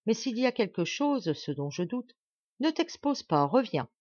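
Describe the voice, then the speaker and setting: Woman reading as grave old baron, measured, dull dry recording. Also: on the high side, big pitch swings, a little mellow, no echo. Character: grave older baron, worried father.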